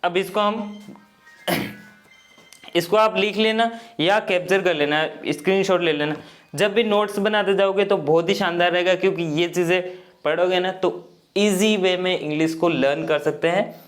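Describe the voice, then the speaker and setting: High-voiced man teaching grammar slowly. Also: soft background music. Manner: slow, repetitive explaining with frequent checks. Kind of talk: explaining grammar in Hindi.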